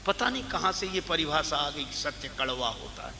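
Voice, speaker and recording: A man gives a devotional sermon in a very bright, ringing voice pitched a little high. He tells parables and briefly acts out the characters. The voice rings through a reverberant hall over faint background noise. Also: big pitch swings, moderate pace, gravelly. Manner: acts out characters in his stories.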